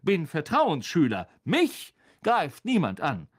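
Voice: medium pitch, wildly swooping pitch, takes it slowly, breathy edge, pitched above the performer's own voice, full character voice. A reader voicing a stiff, pompous teenage boy prefect who speaks sternly in an audiobook. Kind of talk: audiobook reading.

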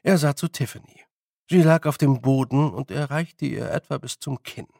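A man reading an audiobook in calm, even narration. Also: medium pitch, normal speed, gravelly, no room sound, studio quality. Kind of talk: scripted narration.

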